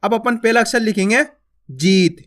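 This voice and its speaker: A man teaching Hindi, reading words slowly and repeating each one, asking his viewers questions and then answering them himself. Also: sits high, fairly bright tone. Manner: says each word twice, drawing out the first, then explains step by step; addresses viewers as friends, asks and answers his own questions. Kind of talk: slow word-by-word reading lesson.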